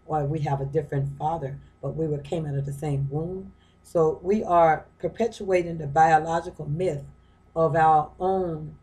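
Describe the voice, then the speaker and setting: A woman's voice: low-pitched, rough recording. Woman lecturing casually from a reading. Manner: conversational, repeats and restarts phrases, asks rhetorical questions. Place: her home.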